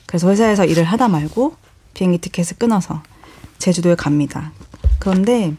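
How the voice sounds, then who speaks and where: A woman novelist speaking as a radio guest in a studio, retelling a story in a thoughtful, gently earnest way. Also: fairly low pitch, brisk, breathy edge. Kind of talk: relaxed radio book talk. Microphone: studio microphone.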